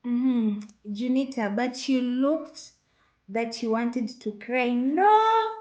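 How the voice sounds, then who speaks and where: On a muffled recording, a livestream host from Kenya speaks with a Kenyan accent in a somewhat high, expressive, slightly mellow voice. She talks slowly and casually to her viewers, often repeating herself and reading out what they comment.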